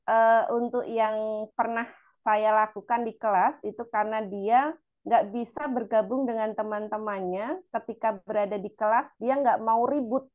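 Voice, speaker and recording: Indonesian woman moderating a webinar, fairly high voice, polite and calm. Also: unhurried. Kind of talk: webinar talk.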